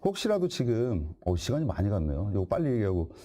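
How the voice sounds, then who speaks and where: A man with a warm, mellow voice speaks to a room of parents in a storytelling talk. His pitch swings up and down a lot as he jokes and fires rhetorical questions at them. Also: huge pitch swings, quick pace. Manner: acts out dialogues, jokey and direct. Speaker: guest speaker at a parents' event.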